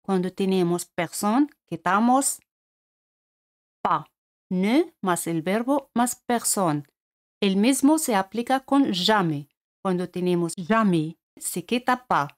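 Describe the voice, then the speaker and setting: A woman with a Spanish accent from Spain giving a scripted French lesson, speaking clearly and repeating each French word. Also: mid-range voice. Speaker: French teacher.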